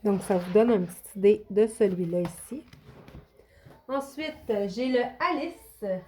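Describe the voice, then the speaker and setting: Chatty Québécois woman with mellow voice. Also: medium pitch, unhurried. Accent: Québécois French. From Quebec. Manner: chatty, hesitant, many fillers and restarts. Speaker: coloring book YouTuber. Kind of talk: casual show-and-tell vlog.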